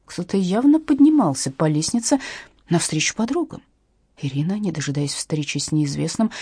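A woman narrates an audiobook with lively, wide pitch swings and a husky tone. The sound is close and dry, with no room around her. Her reading is expressive throughout. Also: no echo.

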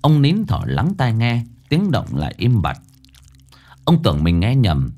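A man's voice: mid-range voice, wildly swooping pitch, unhurried, darkish tone. A man narrating a scripted ghost story in a dramatic, suspenseful way. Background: faint background music.

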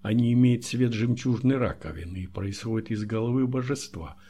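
Audiobook: man voicing gruff male lab boss, wry, loud when annoyed, mid-pitched. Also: brisk, close to an everyday voice.

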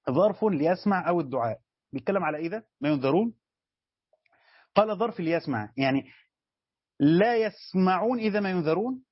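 A husky-voiced man with an Egyptian accent teaches a religious lesson at a rapid clip, his voice sitting a little high. He explains word by word and keeps asking his listeners questions. The recording is dull and dry. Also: no echo. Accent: Egyptian Arabic. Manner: explanatory, asks students questions. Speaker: sheikh teaching Quran commentary.

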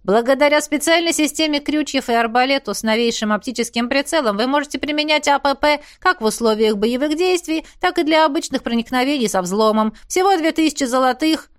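A fussy gnome inventor with a high, pinched voice, put on by a woman reading an audiobook. He talks in a boastful sales patter and slides into whining. The sound is dry and close. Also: animated, moderate pace, hardly any pauses, fairly bright tone, no echo. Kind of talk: audiobook character voice.

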